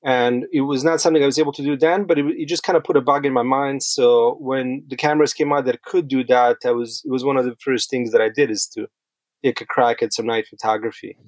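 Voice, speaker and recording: A fast-talking man from rural Bosnia, with a steady mid-range voice and no echo, tells his story as a podcast guest. He's reflective, feeling his way through sentences in conversational interview storytelling.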